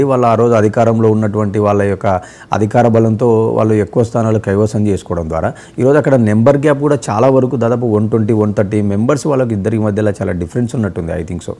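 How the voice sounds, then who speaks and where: A man speaking as a panelist on a live TV debate, giving measured political analysis with frequent fillers. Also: lowish voice, dark tone.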